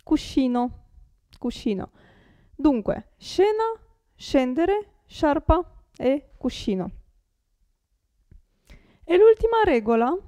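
A young woman with a native Italian accent gives a pronunciation lesson, speaking at a very slow, deliberate pace. Her voice sits high but sounds mellow, and she repeats each example word with careful articulation. The recording is dry and close. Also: dry recording. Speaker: Italian teacher.

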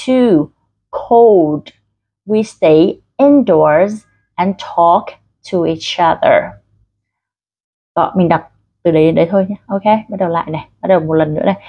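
A woman's voice: on the low side, slightly rough, lo-fi sound. A woman with a Vietnamese accent teaching English pronunciation online, coaching learners step by step. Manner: friendly coaching, directly addressing learners.

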